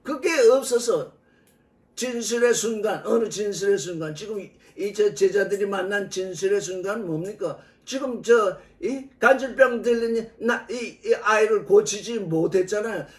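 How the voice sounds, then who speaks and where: 성경 구절을 소리 내어 읽고 반복되는 질문으로 풀어 설명하는 남성 설교자. 오래된 녹음을 복원한 음성이다. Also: male voice, sits high, moderate pace. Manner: reads verses aloud and explains them with rhetorical questions. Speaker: Bible teacher. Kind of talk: sermon. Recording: old restored recording, roomy and from a distance.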